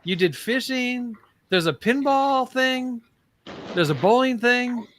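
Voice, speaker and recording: High-pitched American man in wry casual chat. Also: animated, takes it slowly, fairly bright tone, slight background noise.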